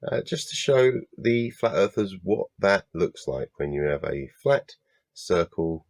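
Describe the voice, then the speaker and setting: A man's voice: low voice, very animated, unhurried, vocal fry, no echo, studio quality. A British man giving a sarcastic, exasperated commentary rebuttal, swearing often. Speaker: YouTube debunking commentator.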